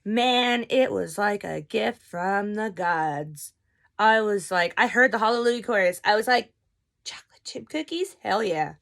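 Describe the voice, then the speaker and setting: A young woman tells a story to the camera in a chatty, animated way, full of casual swearing. Her voice carries a noticeable gravelly fry. Her pitch sits in the middle range for a woman. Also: a little slow. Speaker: vlogger.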